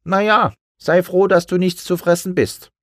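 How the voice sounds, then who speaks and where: A man's voice: sits high, fairly even intonation, normal speed, a bit bright, no echo, studio quality, pitched above the performer's own voice. A spiteful seagull, as a man puts her on. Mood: taunting. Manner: taunting, menacing. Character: spiteful, mocking big seagull.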